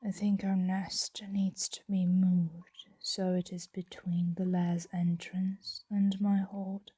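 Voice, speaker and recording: In an intimate ASMR roleplay, a woman voices a possessive, doting female dragon, speaking softly and deliberately and often slipping into a whisper. Her voice is lowish and level with a breathy edge and a musing mood, and there's no echo.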